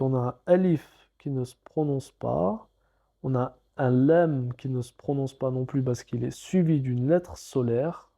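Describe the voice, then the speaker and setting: A man's voice: medium pitch, vocal fry, dark tone, dull audio. A man teaching how to read letters, patiently spelling out each letter and vowel in a step-by-step lesson. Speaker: Arabic reading teacher. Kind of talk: slow step-by-step reading lesson.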